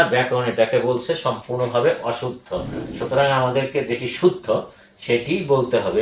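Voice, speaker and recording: An older man giving a grammar lesson, speaking deliberately, repeating words for emphasis and pausing with hesitations. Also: medium pitch. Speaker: grammar teacher. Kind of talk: grammar lecture. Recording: echoey room.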